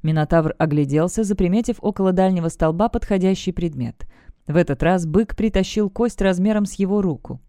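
Fantasy audiobook narrator, mellow and smooth, dry close recording. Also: mid-range voice, fairly quick, dry recording.

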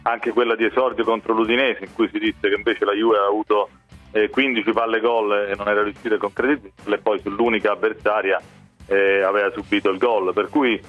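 A newspaper editor calls in as a radio guest to discuss football, speaking fairly quickly in a lowish, flat voice and hesitating and repeating words as he builds his points. The narrow, tinny phone line carries faint music in the background.

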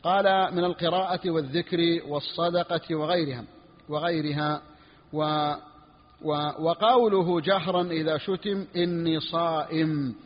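A man's voice: a little high, steady tone, measured pace, in a large hall, highs cut off. A man, a sheikh, teaching a religious law lesson, explaining a text and repeating his key phrases for emphasis. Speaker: sheikh teaching a fiqh book.

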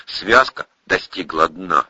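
A man narrates an audiobook with steady, even storytelling. His voice is husky yet very bright and lively in pitch, and the recording is dry and slightly dull. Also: slow, no echo.

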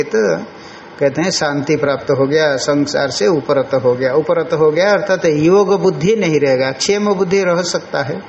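An older man lectures on scripture as a monk teacher, slowly unpacking each Sanskrit word with deliberate chanting. His voice sits a little high for a man. The recording is muffled and lo-fi, with a roomy echo and a faint hiss behind it. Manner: slow, explanatory, chants Sanskrit words deliberately. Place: ashram hall.

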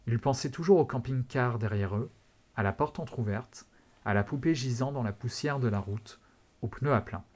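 A podcast host reading a novel excerpt aloud in a steady, measured way. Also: male voice, medium pitch. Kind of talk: dramatic read-aloud narration.

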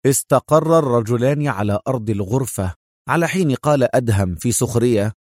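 A male narrator reading an action thriller with vivid storytelling. His voice sits at a medium pitch. The recording is dry and close to the mic. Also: lively intonation, a little fast, dry recording. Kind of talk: dramatic audiobook narration.

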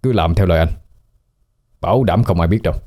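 A man's voice: low voice, fairly quick, mellow. A man playing a sly scheming young lover. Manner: smooth, scheming. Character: sly young male cousin, treacherous lover.

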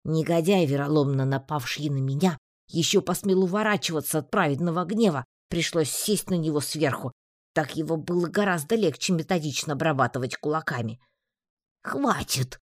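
Woman, first-person audiobook narration, ironic, low voice, dry close recording. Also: fairly quick, no room sound.

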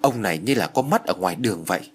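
A man's voice: low voice, lively intonation, fast talker, slightly rough, voice pushed down. A man doing a blunt, hot-tempered aunt. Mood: wary. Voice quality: blunt, impatient. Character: quick-witted, hot-tempered middle-aged aunt.

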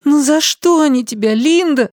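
A little boy's voice, pitched far up and thin, pleading and tearful as he begs, as the storyteller puts him on. It sounds set back from the mic, a small, scared child in an audiobook. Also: moderate pace, a little mellow, dry recording, studio quality, lightly acted. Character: small frightened crying boy.

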